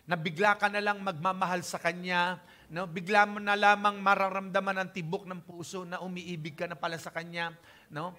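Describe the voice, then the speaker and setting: An older pastor from the Philippines delivers a conversational sermon, chatty and informal, and keeps checking in with his congregation. His voice sits high for a man. It has a bright, forward edge. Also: little pitch movement, moderate pace.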